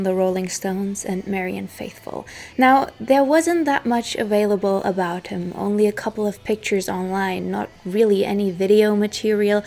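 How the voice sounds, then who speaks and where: On her history channel, a woman who isn't a native English speaker reads a scripted story with hushed drama, frequently letting lines fade to a whisper. Her voice is mid-range and creaky.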